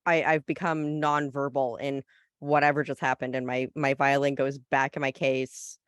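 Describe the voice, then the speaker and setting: A player in a tabletop game, describing their character's feelings in a reflective, halting way. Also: mid-range voice, level tone, fairly bright tone, clean tone, dry recording, clean studio sound.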